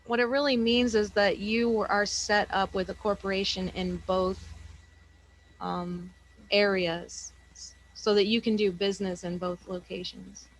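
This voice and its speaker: Woman host, mid pitch, bright and welcoming, pitching her group. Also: steady tone, measured pace, low-quality recording. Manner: upbeat, welcoming, promotional. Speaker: class host. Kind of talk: hosting an online class.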